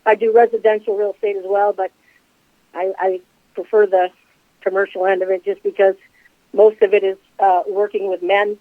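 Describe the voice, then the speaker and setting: A woman's voice: mid-range voice, flat delivery, no echo. Woman in her sixties over a phone line. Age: 60s. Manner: measured, unhurried, with many fillers. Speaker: guest, commercial realtor and company co-founder. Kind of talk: interview. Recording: tinny phone line, dry.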